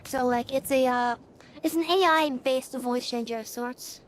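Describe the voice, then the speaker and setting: High-pitched woman through an AI voice changer. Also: unhurried, slight background noise. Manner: rambling, chatty, frequent fillers. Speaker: streamer. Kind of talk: casual gaming stream chat.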